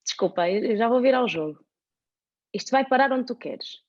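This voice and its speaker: Animated woman, European Portuguese accent. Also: on the high side, brisk, highs cut off. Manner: animated, talks in examples. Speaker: podcast guest. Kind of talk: casual interview chat.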